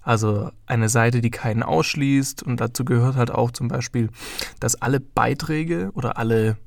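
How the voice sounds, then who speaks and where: A young man in his early twenties hosts his own podcast, speaking in a mid-range voice at normal speed with some vocal fry and a German accent. He's chatty and rambling, packing in lots of fillers. The recording is dry and studio quality.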